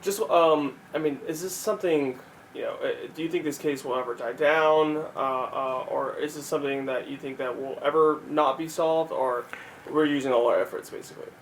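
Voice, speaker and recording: A man's voice: fairly high pitch, normal speed, slight background noise, poor audio. A man interviewing someone informally, with tentative, wordy questions that ramble.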